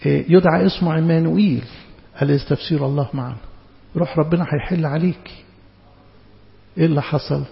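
A man preaches with an Egyptian accent in a gravelly, slightly high voice. He talks to his listeners conversationally and keeps asking rhetorical questions. The sound is dull, with a long reverb from a hall. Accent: Egyptian Arabic. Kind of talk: sermon.

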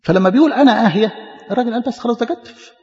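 A man's voice: very high voice, racing, darkish tone. A man preaching with an Egyptian Arabic accent, explaining emphatically and stumbling over repeated words. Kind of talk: sermon teaching. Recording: echoey hall, muffled lo-fi.

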